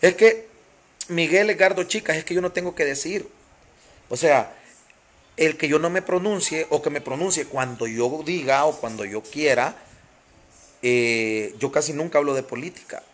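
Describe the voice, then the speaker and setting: A man's voice: a little high, unhurried, long pauses. Fiery Honduran man ranting on stream. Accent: Honduran Spanish. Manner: passionate, emphatic, repeats phrases for force. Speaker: live-stream host. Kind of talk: heated live-stream rant, greeting viewers.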